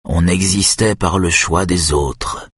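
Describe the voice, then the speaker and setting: A man playing a quiet, low-voiced detective. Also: expressive, breathy edge, dry recording, clean studio sound, heavily acted. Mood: slow. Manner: slow, low, subdued. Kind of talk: audiobook reading.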